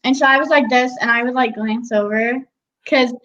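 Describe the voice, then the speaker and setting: A woman's voice: a little high, steady tone, moderate pace, a bit bright, lo-fi sound, slight background noise. A teenage girl chatting as an interview guest about her voice-acting work, giggly and full of "like" fillers. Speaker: guest, young voice actress. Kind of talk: casual interview chat.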